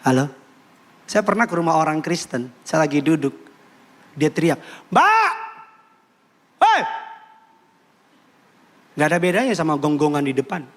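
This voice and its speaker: A man pastor preaching a lively sermon to his congregation, full of comic asides and acted-out quotes. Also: fairly high pitch, fast talker. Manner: playful, animated storytelling with acted quotes.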